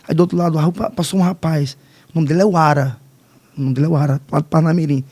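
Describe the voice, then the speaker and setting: A man, telling his personal testimony as a podcast guest in halting, emotional speech with many restarts. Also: fairly high pitch, fairly even intonation, mellow. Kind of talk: personal testimony in casual conversation.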